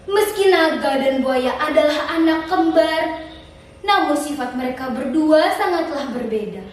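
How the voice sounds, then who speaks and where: A teenage storytelling contestant with a Central Kalimantan Indonesian accent tells a folktale in a theatrical, declamatory contest style. Her voice is high with lively intonation, and she takes her time. The recording sounds distant, in an echoey room with faint noise.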